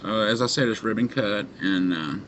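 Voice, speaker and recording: In a small, dimly lit room, a middle-aged pipe tobacco reviewer speaks casually to camera with an unhurried, halting delivery and long pauses. His voice sits on the low side and is a bit bright. Recorded on a webcam or computer mic at arm's length, the sound is muffled with background noise.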